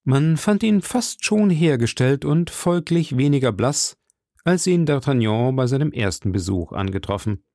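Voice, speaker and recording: A man narrating an audiobook of a classic novel with a lively, expressive reading. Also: medium pitch, normal speed, no room sound, clean studio sound.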